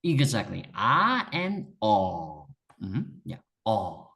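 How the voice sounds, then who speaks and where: Teaching English one-on-one, this native Korean speaker has a clear Korean accent and a mid-range voice whose pitch swoops wildly as they explain. They take it slowly, sound bright and forceful, and patiently encourage the learner, often saying things twice for emphasis.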